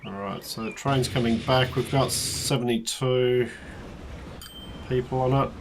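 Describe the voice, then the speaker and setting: A man's voice: mid-range voice, steady tone, measured pace, noisy background. Australian man muttering through gameplay. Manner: thinking aloud, counting under his breath. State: losing his voice. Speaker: let's play host. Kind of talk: casual gameplay commentary.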